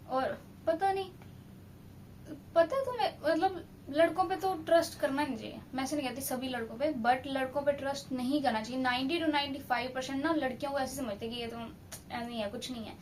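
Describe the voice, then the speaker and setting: High-voiced young woman telling a story. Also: slight background noise. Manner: animated, indignant, scolding asides to the viewer. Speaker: storytelling vlogger. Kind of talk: casual storytime monologue.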